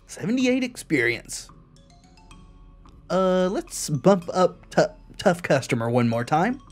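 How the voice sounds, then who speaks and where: Lively woman narrating a video game. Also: lowish voice, unhurried, soft background music. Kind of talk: let's play commentary, reading game text aloud.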